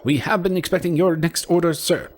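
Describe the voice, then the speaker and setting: Man putting on a high-pitched eager skeleton soldier. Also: fairly even intonation, brisk, natural voice. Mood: deferential, eager. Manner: put-on skeleton voice, deferential.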